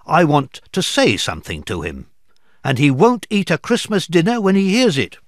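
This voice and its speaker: A man reading aloud voices a sharp-tongued mother of a poor family, speaking firmly and resentfully. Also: a little high, sing-song, moderate pace, no room sound, clean studio sound, voice pushed up.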